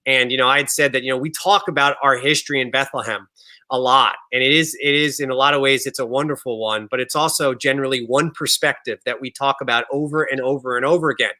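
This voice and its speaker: A man's voice: mid-range voice, steady tone, quick pace, sharp tone. Earnest man hosting a town hall. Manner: earnest, many restarts and fillers. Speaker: host of a virtual town hall. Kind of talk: casual panel talk.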